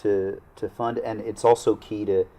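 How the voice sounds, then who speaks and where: A man, a local government official in a studio panel conversation, speaking earnestly and haltingly with many restarts. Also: fairly low pitch, little pitch movement, warm tone. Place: small TV studio.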